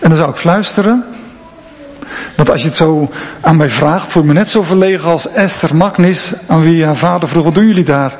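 A man's voice: a little high, fairly quick, a little mellow. A man, a pastor, preaching an earnest, reflective sermon in a church. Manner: earnest, reflective, drops to near-whisper at times. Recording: long church reverb, faint ambient noise.

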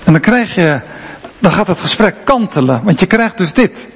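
A man's voice: sits high, expressive, moderate pace, husky. A man preaching a sermon in a conversational, emphatic way, often asking rhetorical questions. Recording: long reverb of a large hall.

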